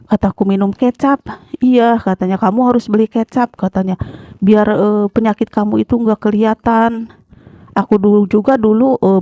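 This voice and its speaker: An Indonesian woman telling her own story casually, halting with many fillers and frequent throat clearing. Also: medium pitch, warm tone, no echo. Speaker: former migrant worker telling her story. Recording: dull lo-fi sound.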